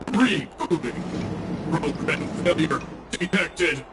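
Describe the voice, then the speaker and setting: A man voicing a mech's computer system that reboots and reports failures, with a robotic machine-voice effect and flat, clipped announcements. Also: a little high, takes it slowly. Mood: mechanical. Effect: robotic machine voice of a system booting up. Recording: distant voice under loud noise.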